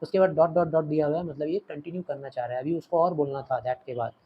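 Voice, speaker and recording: A man's voice: fairly high pitch, fairly even intonation, fast, husky, lo-fi sound. A man with an Indian English accent teaching a play, explaining it line by line and moving between Hindi and English. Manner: explains line by line, switching languages. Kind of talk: Hindi-English literature lesson.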